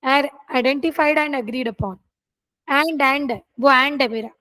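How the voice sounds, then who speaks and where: A woman's voice: high-pitched, extremely slow, pushed and bright. A woman law teacher, dictating notes in a classroom and checking that students have written them down.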